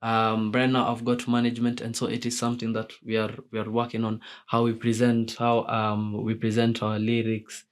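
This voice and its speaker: A man's voice: lowish voice, completely flat delivery, moderate pace, hardly any pauses, smooth. A young man from Kenya answering radio interview questions about his music, with many fillers and restarts. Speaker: musician guest.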